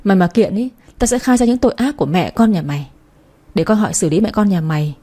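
A woman's voice: medium pitch, quick pace, mellow, lightly acted. A woman voicing a young woman who is furious at being betrayed by a girl she treated as a sister. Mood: scornful. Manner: angry, accusing.

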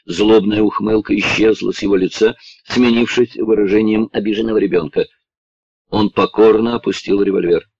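A man narrating an audiobook in a measured, even storytelling manner. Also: on the low side, dry recording. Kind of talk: scripted narration. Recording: dull, muffled dry recording.

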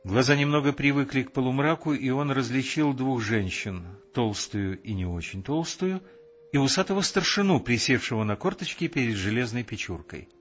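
A man calmly reading an audiobook narration in a measured way. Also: mid-range voice, highs cut off. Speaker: audiobook reader.

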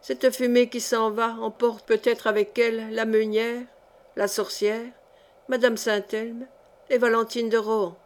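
A woman voicing a cold, calculating male seneschal in an audiobook, measured and insinuating. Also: fairly high pitch, level tone, close to an everyday voice. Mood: sinister. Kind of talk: audiobook character reading.

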